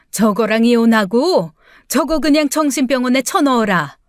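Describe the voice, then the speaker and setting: A woman's voice: no room sound, studio quality. A woman voicing a furious older mother-in-law who hurls insults in an audiobook drama. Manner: shrill insults.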